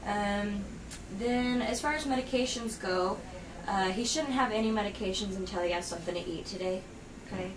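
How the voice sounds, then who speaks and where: A woman's voice: medium pitch, moderate pace. Woman giving aftercare instructions, distant noisy recording. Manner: plain-worded, step-by-step, checking understanding. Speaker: dental surgery assistant giving aftercare instructions. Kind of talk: explaining instructions conversationally. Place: indoor clinic treatment room. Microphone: camera held by another person, at a distance. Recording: noisy room, distant camera microphone.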